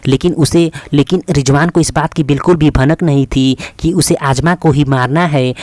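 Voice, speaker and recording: A man narrating a film's story as a scripted movie recap, in a steady, even-paced retelling. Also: on the high side, no echo.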